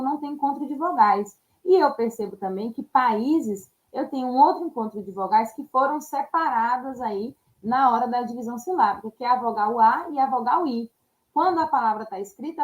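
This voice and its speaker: A woman teacher walking students through exam questions step by step, often checking in with quick tag questions. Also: fairly high pitch, a little mellow, poor audio. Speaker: Portuguese teacher. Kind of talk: exam-prep lesson.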